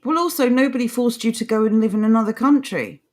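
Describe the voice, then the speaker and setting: A woman's voice: fairly high pitch, quick pace, a little mellow. A woman co-hosting an opinionated casual chat. She sounds indignant and reads out messages from the chat. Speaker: co-host.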